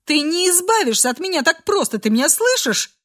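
A woman's voice: very high voice, big pitch swings, fairly quick, a bit bright, pitched above the performer's own voice, heavily acted. A woman voicing a desperate, fierce young heroine who pleads and cries out. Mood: desperate pleading. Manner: pleading, crying out.

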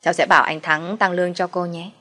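A woman's voice: lowish voice, steady tone, fast talker, sharp tone, faint music behind. A woman voicing a brazen, scheming young mistress who talks insolently and then pleads. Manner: brash, insolent, turns pleading.

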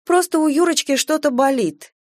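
A frightened young mother, acted by a woman reading aloud, pleads in a raised, thin voice that sounds close to tears. Her lines sit well above the reader's own pitch and are recorded dry and close. She sounds fragile and on edge, as in a horror audiobook. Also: monotone, very slow, mellow, no echo. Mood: pleading. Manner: high, pleading, near tears.

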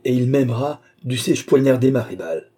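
A man's voice: medium pitch, normal speed, mellow, breathy edge, natural voice. A man voicing a proud, passionate female courtesan in an audiobook reading, raising his voice for her. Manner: haughty, passionate.

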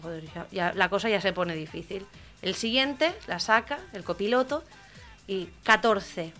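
Una mujer con acento de España cuenta chistes en un programa de radio, con mucha animación, y pone voces a los personajes. Se oye una música suave de fondo. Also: female voice, mid-range voice, measured pace, faint music behind. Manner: lively joke-telling, acting out characters loudly. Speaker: radio comedy host. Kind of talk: telling jokes on community radio.

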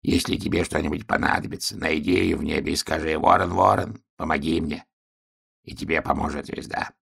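A man voicing a dying, gentle old male raven in a hoarse, wheezing storybook voice. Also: extremely low pitch, flat delivery, brisk, pitched below the performer's own voice, heavily acted. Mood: weak.

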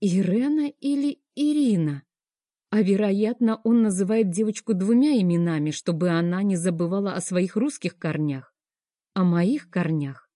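A woman reads a first-person story aloud, dramatic and full of feeling. Her voice is mellow and warm. The sound is dry and close-miked. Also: mid-range voice, no room sound. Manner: emotional, dramatic reading. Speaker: audiobook narrator.

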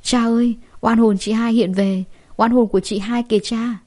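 Woman reading scared little bro, wailing n begging, bit higher pitch, soft mellow voice. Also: steady tone, moderate pace, lightly acted. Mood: panicked wailing. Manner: wailing, pleading. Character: panicky cowardly younger brother, male teen.

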